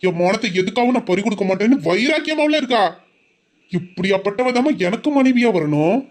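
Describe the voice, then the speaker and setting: Performer voicing obsessive young man, boastful, menacing, medium pitch. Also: animated, a little fast, close to an everyday voice. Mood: defiant boasting. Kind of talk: audio drama acting.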